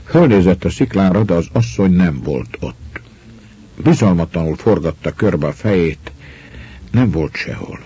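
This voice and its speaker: A man reading a story aloud with expressive, dramatic narration. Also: deep voice, breathy edge. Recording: muffled lo-fi recording.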